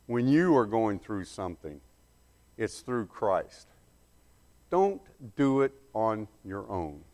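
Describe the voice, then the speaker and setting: A man preaching an earnest, emphatic sermon, pausing and correcting himself as he goes. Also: mid-range voice.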